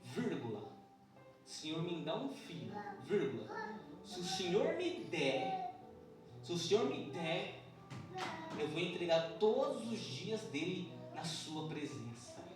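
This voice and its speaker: A man's voice: fairly high pitch, very animated, slow pace. A man playing a grieving woman praying for a son. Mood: pleading. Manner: pleading, repetitive. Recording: echoey church hall, distant mic, music.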